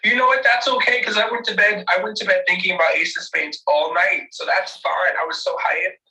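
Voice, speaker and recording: A man gushing excitedly in a casual group chat. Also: sits high, brisk, low-quality recording.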